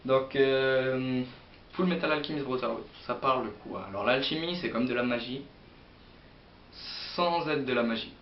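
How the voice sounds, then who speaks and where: Talking to his viewers at a moderate pace, this young man tells a casual manga chronicle in a mid-range voice, full of hesitation, rambling and fillers. It's captured on an old computer's built-in mic, so it sounds distant, roomy, dull and lo-fi with a faint hiss.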